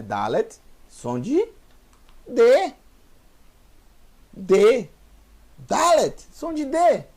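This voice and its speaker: Slow, lively-pitched man teaching. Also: gravelly. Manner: patient, repeats sounds and drills letter by letter; encouraging, asks the viewer questions. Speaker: Hebrew teacher. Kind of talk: online language lesson.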